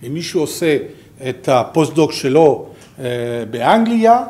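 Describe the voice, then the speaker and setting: Halting French-accented man, slightly high voice. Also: sing-song, a little mellow. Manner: halting, searching for words. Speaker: programme director presenting to researchers. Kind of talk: informal slide presentation.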